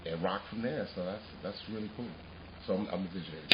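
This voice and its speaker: A man co-hosting a casual podcast chat, animated and laughing often, restarting his sentences as he goes. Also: sits low, fast talker, lo-fi sound, noisy background. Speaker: podcast co-host.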